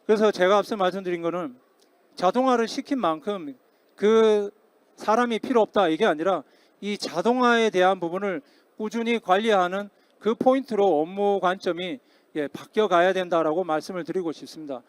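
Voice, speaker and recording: On a conference hall stage, a man who is technical director at a security company answers questions in a formal Q&A after his presentation. His high voice, amplified but recorded dry, explains things politely and hesitantly with frequent pauses.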